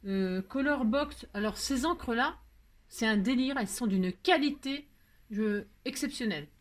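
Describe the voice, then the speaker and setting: In a noisy home recording, a woman with a fairly high, expressive voice hosts a laid-back crafting tutorial from her craft table, unhurried in pace. She talks to herself and answers back, makes playful sound effects, and gets irritated by errors, then laughs them away.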